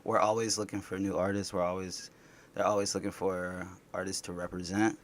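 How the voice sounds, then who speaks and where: A man's voice: low voice, flat delivery, fairly quick. A man in his twenties from Indianapolis, a guest in a casual conversation, rambling loosely with many fillers. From Indianapolis, United States. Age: 20s.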